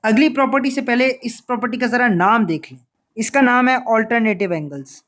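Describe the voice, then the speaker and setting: A man's voice: extremely high pitch, fairly quick, fairly bright tone. A man with an Urdu accent teaching geometry in a recorded video lesson, playful and mixing English phrases into his explanations. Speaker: math teacher.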